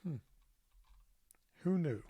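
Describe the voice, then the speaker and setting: A man hosting a casual tutorial, walking through software on screen while thinking aloud in a self-deprecating, offhand way. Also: extremely slow, no echo. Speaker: podcast host demonstrating software. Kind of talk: screen-recorded tutorial walkthrough.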